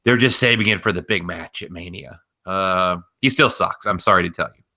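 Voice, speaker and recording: Running through the latest wrestling news, a podcast co-host talks a little fast in a fairly low, very bright, forceful voice. He's casual, opinionated and blunt, cursing without hesitation.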